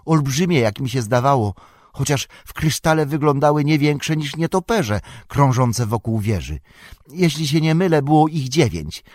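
A man's voice: medium pitch, animated, normal speed, darkish tone, dry recording, clean studio sound, voice pushed up, natural voice. A man voicing a small, frightened young male hobbit in a storybook reading, stammering and pleading. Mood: haunted.

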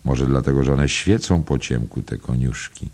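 Very deep, gravelly male narrator. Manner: calm, unhurried literary reading. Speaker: audiobook narrator. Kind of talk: scripted narration.

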